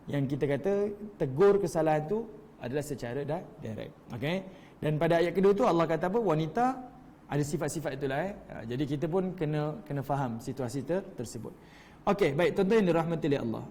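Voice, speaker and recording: A man's voice: fairly high pitch, expressive, fast, mellow, slight background noise. Malaysian ustaz type guy, middle-aged, talks to the crowd casual, acts out little quotes, big echoey hall. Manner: conversational, addresses audience as tuan-tuan, acts out quoted voices. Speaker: religious teacher. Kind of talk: Quran study lecture. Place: hall, live stream. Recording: long hall reverb.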